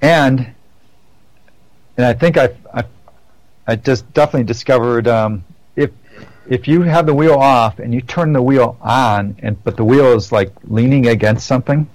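A man's voice: mid-range voice, moderate pace, a little mellow, no room sound, low-quality recording. A man chatting casually on a podcast, rambling through stories with many restarts and self-corrections. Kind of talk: casual chat.

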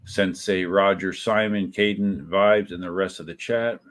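A man's voice: deep voice, fairly even intonation, a little slow, fairly bright tone. A man hosting a livestream, chatting casually, rambling and correcting himself as he reads out viewers' messages after a few drinks. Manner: rambling and self-correcting, talks to viewers by name. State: has had a few drinks. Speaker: livestream host.

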